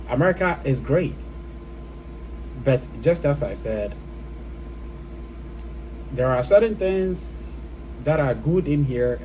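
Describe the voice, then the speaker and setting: A vlogger with a Ghanaian accent and a medium-pitched voice shares his opinions casually to the camera, with background noise audible. He explains as he goes and often checks in with "okay?" and "you know".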